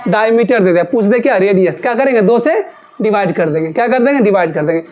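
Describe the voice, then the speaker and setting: A female maths teacher talks fast and animatedly in a mid-range, slightly mellow voice, posing questions she answers herself and coaxingly drilling key terms repeatedly. The high frequencies in the recording are cut off.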